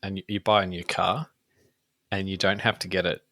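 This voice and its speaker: Very deep-voiced man, hesitant. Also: little pitch movement, normal speed, bright, forceful tone, dry recording. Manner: hesitant, many fillers, careful and earnest. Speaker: podcast co-host. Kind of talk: casual chat.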